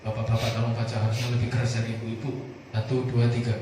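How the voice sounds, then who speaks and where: Pastor guy preaching, lively, gets the crowd answering back, far off mic in a big echoey room. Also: mid-range voice, fast talker, noisy background. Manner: animated, calls on the congregation to answer. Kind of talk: sermon.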